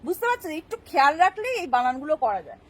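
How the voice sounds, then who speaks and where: A woman's voice: high-pitched, big pitch swings, very fast, poor audio. A woman teaching English spelling rules, patiently explaining and checking that the class understands.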